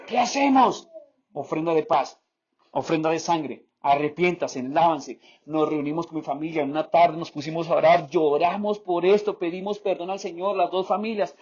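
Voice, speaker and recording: A man's voice: on the high side, normal speed, breathy edge. A man from Colombia with a Bogotá accent, a pastor telling a story in a sermon and acting out the voices of people in it. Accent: Bogotá Colombian Spanish. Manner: animated storytelling, acts out quoted voices. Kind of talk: sermon testimony. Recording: slightly dull lo-fi sound.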